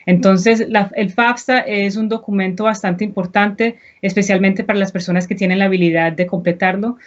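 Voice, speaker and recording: A woman from Colombia speaks as a guest in a live online interview, explaining things earnestly and in a measured way. Her voice sits at an ordinary middle pitch. The audio comes through a video call with a dull, lo-fi sound. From Medellín, Colombia. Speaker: guest, executive director of an education nonprofit.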